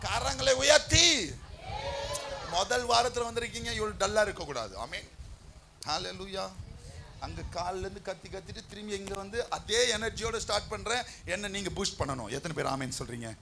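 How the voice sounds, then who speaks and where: A male pastor preaching to his congregation, who calls out to them and often rises to shouts. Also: sits high, animated, brisk, creaky, a little hiss or hum. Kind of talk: sermon. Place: church hall.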